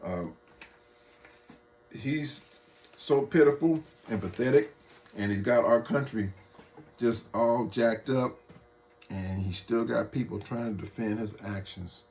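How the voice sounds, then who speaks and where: This man's mid-range, slightly mellow voice moves slowly with frequent pauses. As a political vlogger, he launches into an unscripted, heated and profane rant full of mockery, addressing viewers directly as folks.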